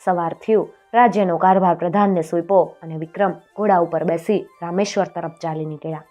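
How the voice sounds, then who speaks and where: A woman with a lowish voice narrates an old folk tale at an even storytelling pace. Her delivery is steady and clear, and faint music plays beneath her. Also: fairly quick. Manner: steady, clear storytelling with lifted voice for quoted speech.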